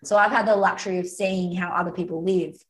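A woman from Australia with an Australian accent, a podcast guest telling stories in a chatty, animated way over a remote call. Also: on the low side, fast talker, rough recording. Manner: chatty storyteller, animated, frequent "you know" and "like". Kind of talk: casual podcast conversation.

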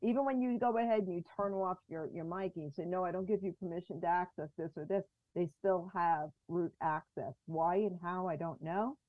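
Lady on a zoom call, sound all muffled and bassy, highs gone, lowish voice. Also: brisk, few pauses, no room sound. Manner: talks from prepared notes, with small restarts. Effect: muffled, bass-heavy audio with the highs cut. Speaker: guest. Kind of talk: casual chat on a video call. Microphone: video call through a mixer. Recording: muffled, tinny video-call audio.

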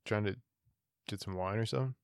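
A man's voice: fairly low pitch, brisk, no echo, studio quality, close to an everyday voice. A man playing a brash, teasing fanged adventurer in an improvised tabletop game, casual and goading. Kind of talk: improvised tabletop role-play.

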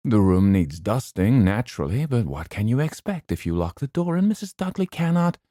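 A man voicing a bossy, self-important older wife who talks in a haughty, scolding, drawn-out way. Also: on the low side, big pitch swings, warm tone, dry recording, studio quality, voice pushed up.

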